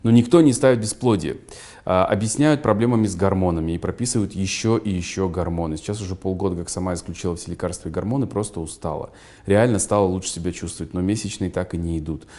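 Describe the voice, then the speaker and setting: Reading viewers' questions out loud and murmuring short agreements as he listens, this interview host has a mellow voice that sits low. He's a fast talker.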